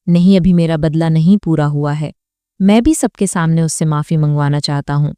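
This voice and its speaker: A proud young hero of a romance audiobook, earnest and sometimes stern, as a woman reader puts him on. The voice stays warm and fairly low. The sound is dry and close. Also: clear, resonant tone, no echo, natural voice.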